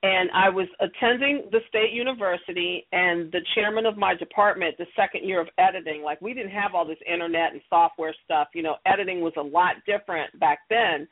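Over a narrow, tinny phone line, a middle-aged woman who creates audio theater speaks as an interview guest, her lowish voice a little fast with hardly any pauses. She tells personal stories earnestly, sounding encouraging and emphatic in a conversational way.

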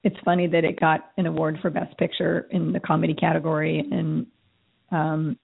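Woman co-host, casual talk, down with a cold, raspy and gravelly, tinny phone-like sound. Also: low voice, level tone, moderate pace. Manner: agreeable, backchannels often. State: sick with a cold, yawning. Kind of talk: casual conversation.

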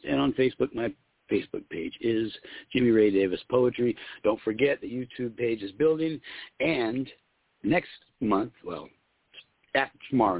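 Raspy man calling in to a radio show. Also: mid-range voice, dry recording. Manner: excited, quick, rhythmic talker. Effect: calling in over a phone line. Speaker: radio show caller and poet. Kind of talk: casual on-air chat. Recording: tinny phone line.

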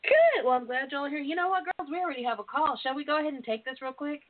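A woman's voice: high-pitched, rapid-fire. A woman hosts a casual talk show. She is sassy and flirtatious, addressing people with endearments. The sound is narrow and tinny, like internet radio over a phone. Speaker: talk show host, relationship and intimacy coach. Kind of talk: casual radio call-in chat.

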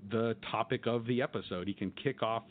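A man's voice: mid-range voice, brisk, a little hiss or hum. A man co-hosting a podcast in casual chat, laughing often as he retells jokes he loves. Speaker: podcast co-host. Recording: phone-like narrow sound.

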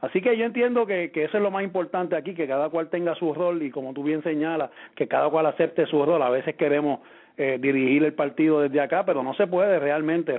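A man with a Puerto Rican accent on a sports podcast, talking casually about managers and player roles, often restarting his words. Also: fairly high pitch. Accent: Puerto Rican Spanish. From Puerto Rico. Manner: restarts and repeats words, thinks aloud. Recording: tinny phone-like line.

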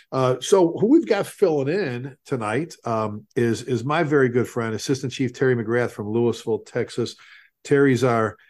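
A man's voice: mid-range voice, darkish tone. A man hosting a podcast in casual, rambling chat, often repeating words as he goes. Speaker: podcast host.

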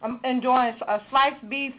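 Female caller, fairly high voice, wry and teasing, casual talk on a narrow telephone connection. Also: fairly even intonation, unhurried. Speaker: caller, the host's sister. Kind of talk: casual phone chat. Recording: thin phone line.

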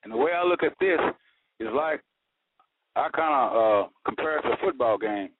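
Animated and at a normal speed, a medium-pitched male voice comes through a tinny, static-laced phone line. He's a radio call-in caller making casual conversation, earnest and folksy, with plenty of homespun sayings.

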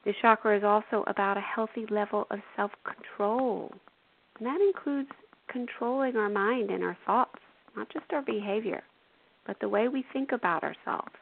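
Female radio host for spiritual self-help, gentle coaching tone, gravelly voice, tinny phone-line audio. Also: medium pitch, normal speed. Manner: gentle, coaching, adds "you know" and "right". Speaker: radio show host and intuitive.

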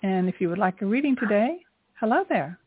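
A woman hosting a spiritual call-in show as an angel card reader, speaking in an encouraging, affirming way with a husky, gravelly voice. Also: mid-range voice, lively intonation, fairly quick, no room sound. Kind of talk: spiritual reading with call-in segment. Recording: tinny phone-line sound, roomless and dry.

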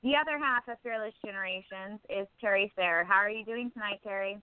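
A woman's voice: mid-range voice, a little fast, clean tone, dry recording. A woman co-hosting a casual online radio talk show, upbeat and friendly as she introduces her guest and asks questions. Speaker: co-host. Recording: phone-line call-in audio.

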